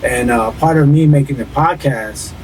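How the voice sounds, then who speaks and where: A man's voice: mid-range voice, moderate pace, a little mellow, a little hiss or hum, rough recording. A man in his thirties hosting a casual podcast interview, asking rambling, friendly questions. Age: 30s. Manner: friendly, rambling questions, calls guests "bro". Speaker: podcast host.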